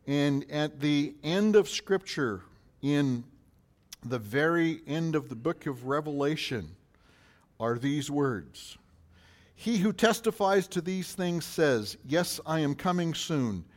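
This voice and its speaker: A pastor preaching a sermon, asking questions in a rising voice and answering them more quietly. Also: male voice, fairly high pitch, animated, slow pace.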